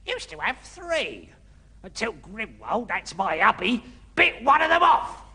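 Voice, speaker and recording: An actress voicing a sly, wheedling old dungeon housewife who cackles and calls everyone dearie. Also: female voice, on the high side, very animated, unhurried, bright, forceful tone, husky, heavily acted. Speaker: character in a TV dungeon game.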